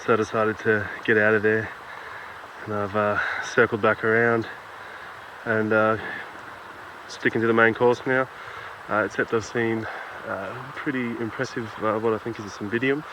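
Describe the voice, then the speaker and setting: A man giving casual on-location commentary outdoors in a rainforest, halting and full of "uh" fillers. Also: on the low side, flat delivery, dull audio. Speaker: field presenter. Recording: outdoor field recording with noticeable background noise.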